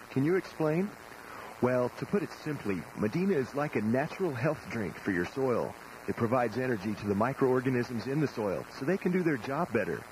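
An American man reading a scripted gardening advertisement in a measured, explanatory radio announcer manner. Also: medium pitch. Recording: noisy radio broadcast recording.

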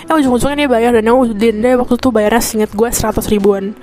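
A woman's voice: a little high, fast, warm tone. A young woman with Jakarta slang, venting in a rambling, chatty monologue full of self-corrections. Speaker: podcast host.

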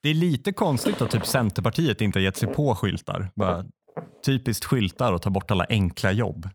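A man telling a comic story in a deadpan way, acting out other people in quick quotes. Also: on the low side, a little hiss or hum. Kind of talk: comedic storytelling chat.

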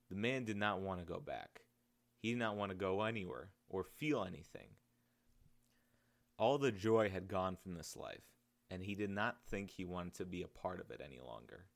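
A man reading his own audiobook aloud in a steady, measured way. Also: low voice, gravelly. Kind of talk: audiobook narration.

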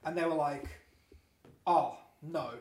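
A man's voice: a little high, takes it slowly. A man casually recounting anecdotes, informally quoting what people said. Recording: echoey room with faint noise.

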